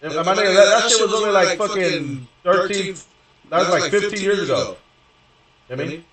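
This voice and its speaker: A young gaming streamer from Houston, Texas, tells a long story in a high-sitting, fairly bright voice with lively intonation, talking a little fast. His casual talk rambles, swears, and is packed with fillers and restarts, recorded far from the mic in a very echoey room.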